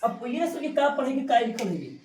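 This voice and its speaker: A woman's voice: high-pitched, sing-song, quick pace, darkish tone. A woman teaching a maths class, repeating key terms and quizzing her students. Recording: roomy classroom from a distance.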